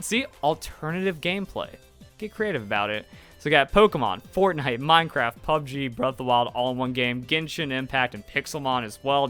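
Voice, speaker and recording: A young man giving casual reaction commentary on a game trailer, rambling with lots of "like" and quick asides. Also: on the high side, bright, forceful tone. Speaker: gaming YouTuber reacting to a trailer.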